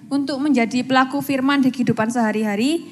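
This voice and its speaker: A woman's voice: sits high, quick pace, a little mellow. A woman moderating a church talk show, politely reading out audience questions.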